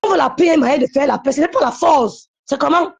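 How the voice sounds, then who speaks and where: A woman's voice: high-pitched, a little fast, gravelly, darkish tone. A woman calling into a live stream, talking in an insistent, repetitive, confrontational way. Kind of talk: heated live-stream call.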